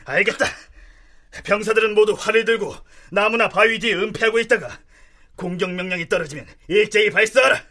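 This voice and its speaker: An actor playing a fierce, dutiful militia commander in a historical radio drama, barking forcefully like a military man. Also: sits high, brisk. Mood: commanding.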